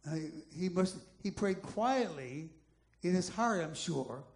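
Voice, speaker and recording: A man with a high-pitched voice delivers a sermon to his congregation. He talks haltingly, full of restarts and fillers, then builds into emphatic, repeated phrases. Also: lively intonation. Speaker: pastor.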